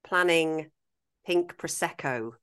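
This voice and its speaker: A woman's voice: sits low, takes it slowly, a bit bright, clean tone. A woman, hosting a podcast interview and talking through her views at length. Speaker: podcast host. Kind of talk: conversational interview.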